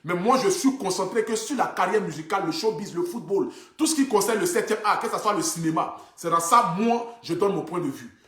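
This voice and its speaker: A man's voice: high-pitched, a little fast, a bit bright, roomy sound. A man influencer talking casually on a phone livestream to his viewers, earnest and repetitive, with lots of filler words. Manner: earnest, repetitive, many fillers like "voilà" and "donc du coup". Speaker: social media influencer. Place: indoors, seated.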